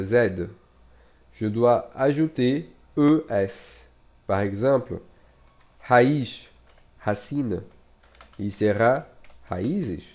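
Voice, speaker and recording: Slow, halting Brazilian man teaching. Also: mid-range voice, mellow. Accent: Brazilian Portuguese. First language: Portuguese. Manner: slow, halting French with many fillers and restarts; repeats and spells out words while typing. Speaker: Portuguese teacher. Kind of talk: casual online language lesson.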